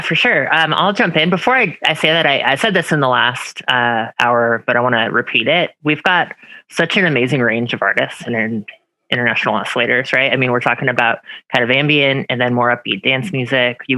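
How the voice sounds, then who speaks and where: A man's voice: medium pitch, a little fast, bright, forceful tone, no echo, low-quality recording. A man co-hosting a live stream chat, upbeat and enthusiastic as he asks questions. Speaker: co-host.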